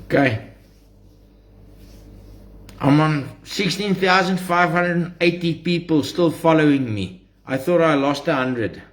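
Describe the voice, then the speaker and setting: Slow-talking South African man addressing followers. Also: a little high. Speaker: social media streamer. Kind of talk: live monologue addressed to followers.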